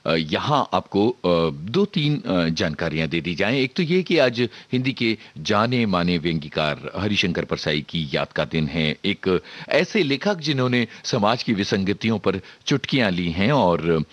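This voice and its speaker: A man presenting on radio, sharing information in a measured way with frequent filler pauses. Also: sits low, very animated, a bit bright, no room sound.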